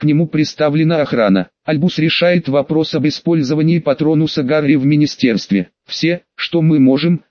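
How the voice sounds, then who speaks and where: A man's voice: fairly high pitch, normal speed, few pauses, a little mellow, no room sound, natural voice. A man playing a stern, clipped wizard. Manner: firm, clipped. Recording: dull lo-fi recording.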